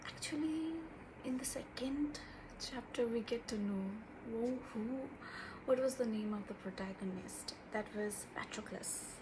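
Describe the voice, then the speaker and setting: A woman with a Bengali accent chatting casually about a book, halting as she searches for words and rather self-deprecating. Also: medium pitch, background noise. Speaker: book reviewer. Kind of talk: casual unscripted book chat.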